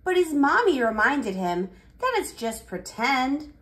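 High-pitched and sing-song, her slightly bright voice keeps a measured pace. She's a children's storyteller and educational presenter in her thirties, teaching toddlers and reading picture books aloud with simple, exaggerated child-directed speech.

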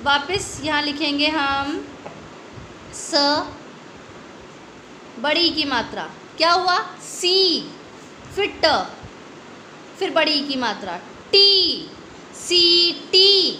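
Indian woman, school teacher, online class, slow deliberate speech, echoey room, faint background hum. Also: high voice, expressive, pushed and bright. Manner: slow, drawn-out word stretching with quiz questions. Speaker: primary school Hindi teacher.

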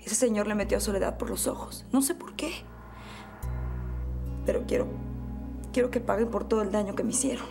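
A woman's voice: mid-range voice, a little fast, gravelly, pauses often, over music, close to an everyday voice. An actress playing a young woman who wants revenge and seeks an ally, speaking with hesitant determination in a telenovela scene. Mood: scheming. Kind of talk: telenovela acting.

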